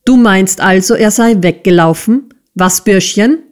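A woman's voice: medium pitch, a little slow, close to an everyday voice. A woman playing a bellowing brutal schoolmaster. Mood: raging. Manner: shouting, sneering and bullying. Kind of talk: audiobook character reading.

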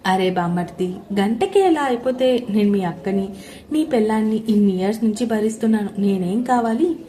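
A woman's voice: medium pitch, moderate pace, mellow, lightly acted. A woman voicing an affectionate middle-aged father who jokes with his son-in-law and coaxes his daughter. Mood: joking. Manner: fond, coaxing.

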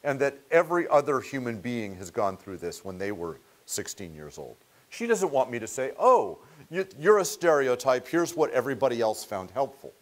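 Animated middle-aged man lecturing a room. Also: medium pitch. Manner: conversational, animated, restarts mid-word. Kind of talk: storytelling seminar lecture. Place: meeting room with audience.

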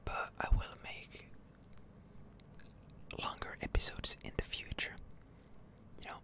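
In an unvoiced, airy whisper, this channel host and game streamer delivers soothing ASMR narration, drawing each word out.

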